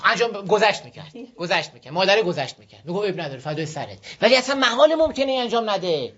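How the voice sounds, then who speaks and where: A man's voice: high voice, very animated, fairly bright tone. A man from Iran giving an informal moral talk on parenting to a group, telling stories and often checking that listeners follow. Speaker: speaker advising a group on parenting. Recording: dull lo-fi recording.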